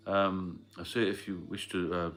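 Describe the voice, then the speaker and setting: A man's voice: low voice, flat delivery, moderate pace, fairly bright tone. A man hosting a casual livestream, plain-spoken and rambling, answering viewer comments as he goes. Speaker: livestream host. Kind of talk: casual live-stream chat.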